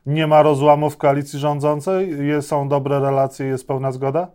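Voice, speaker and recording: A man's voice: a little high, little pitch movement, moderate pace, warm tone, clear, resonant tone. A man hosting a political interview, putting questions persistently. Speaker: interview host, journalist.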